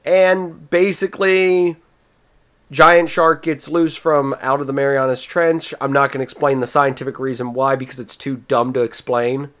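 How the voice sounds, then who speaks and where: A man hosting a casual movie podcast, summarizing the plot with quick, stumbling restarts. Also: mid-range voice, little pitch movement, a bit bright. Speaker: podcast host presenting the movie.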